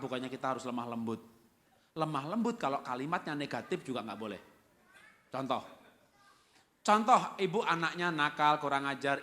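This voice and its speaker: Male pastor preaching at church, bright forceful voice, lots of questions to the crowd. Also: medium pitch. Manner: animated, folksy preaching with rhetorical questions. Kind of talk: sermon.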